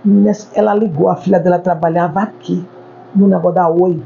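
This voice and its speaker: A woman's voice: fairly low pitch, steady tone, brisk, vocal fry, mellow. A woman, a hair stylist, telling stories in an interview and repeating words for emphasis. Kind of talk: interview storytelling. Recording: dull lo-fi recording, faint background noise.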